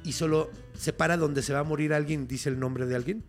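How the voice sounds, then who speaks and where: A man's voice: on the high side, fairly even intonation, fairly quick, faint music behind. A young man with a Mexican accent, casually explaining folklore on a podcast, full of slang and swearing. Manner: slangy, swearing, explains myths with bursts of laughing shouts. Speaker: podcast co-host telling folklore.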